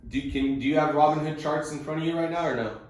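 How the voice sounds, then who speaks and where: Soft background music plays under a heavily reverberant, low-quality recording of a man coaching a group on a conference call. His slightly high voice is quick, and his explanations are relaxed and chatty, peppered with slang like "bro" and "bud."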